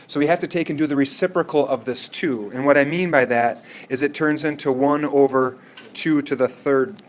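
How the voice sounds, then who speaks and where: Speaking at normal speed with a medium-pitched voice, a math teacher lectures his algebra class, and slight background noise can be heard. He moves through the explanation one step at a time, often checking that students understand.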